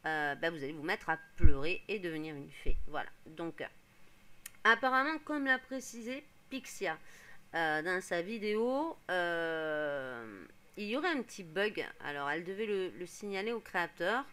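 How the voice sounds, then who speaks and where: Chatty, hoarse woman streamer. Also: fairly low pitch, lively intonation, moderate pace, a bit bright. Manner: chatty, explains step by step with many fillers. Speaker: gaming streamer. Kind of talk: casual gameplay commentary.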